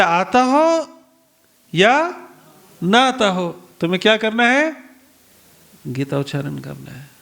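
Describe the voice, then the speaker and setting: A man's voice: high voice, fairly bright tone. A male preacher giving a storytelling sermon, acting out the dialogue of the characters and putting rhetorical questions to his listeners.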